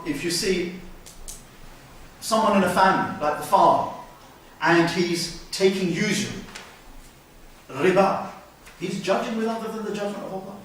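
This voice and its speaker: A man's voice: high-pitched, fairly bright tone, a little hiss or hum. Earnest male teacher in an echoey mosque. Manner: earnest, questioning, with restarts. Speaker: Islamic teacher. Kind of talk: mosque lecture. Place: mosque hall. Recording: very echoey hall, mic at a distance.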